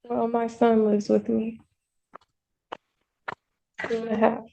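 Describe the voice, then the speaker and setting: A woman in her twenties stands as defendant, her voice gravelly and dark. She answers in short, hesitant bits with a flat delivery. It comes through a lo-fi courtroom recording. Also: fairly high pitch, takes it slowly, a little hiss or hum. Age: 20s.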